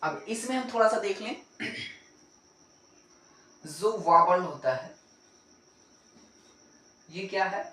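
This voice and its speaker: Male teacher, pronunciation lesson, unhurried, asks himself questions, repeats sounds, roomy echo, distant mic. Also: sits high, lively intonation, pushed and bright. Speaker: English teacher. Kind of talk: classroom-style pronunciation lesson.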